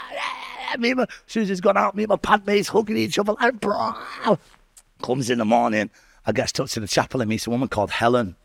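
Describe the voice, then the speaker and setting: A man's voice: on the high side, vocal fry, no room sound, studio quality. Man with a Manchester accent telling stories. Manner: slangy, sweary, often addressing the listener. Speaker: interview guest, rapper. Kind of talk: casual autobiographical storytelling.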